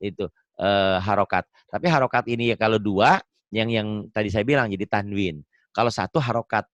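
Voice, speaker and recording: A man's voice: on the low side, brisk, no room sound, lo-fi sound. Male Quran tutor, patient and jokey, dry close-miked sound. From Indonesia. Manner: patient, joking, tells anecdotes. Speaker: Quran reading teacher. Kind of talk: one-on-one online lesson.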